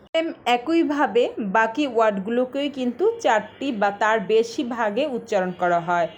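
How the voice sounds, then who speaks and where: A woman with a slightly high voice gives a short lesson voice-over. She explains each term patiently and at a measured pace. A faint hiss of noise sits under her voice. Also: a little mellow. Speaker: teacher.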